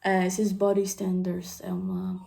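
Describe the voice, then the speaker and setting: A young woman from Brazil chatting candidly in a casual vlog, repeating phrases and dropping into soft asides. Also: lowish voice, monotone, a little slow, vocal fry. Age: young adult. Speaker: vlogger. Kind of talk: casual confessional chat.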